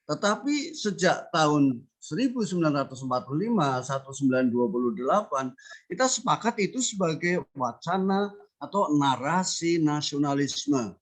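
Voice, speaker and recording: A man's voice: a little high, lively intonation, moderate pace. An older man from Java, speaking earnestly as a panelist at a discussion forum and building his points through emphatic repetition. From Central Java, Indonesia. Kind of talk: spoken remarks at a discussion forum.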